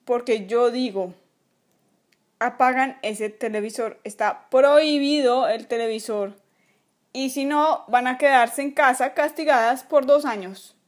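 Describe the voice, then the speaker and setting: A woman's voice: fairly high pitch, moderate pace, lightly acted. A woman voicing a strict, bossy toy father who scolds and barks orders in a toy play video. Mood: stern.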